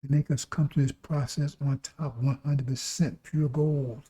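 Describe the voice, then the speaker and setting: A man preaching with a hoarse, recovering voice, exhorting through repetition and rhetorical questions. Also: mid-range voice, fairly even intonation, a little slow, dark tone. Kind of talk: sermon.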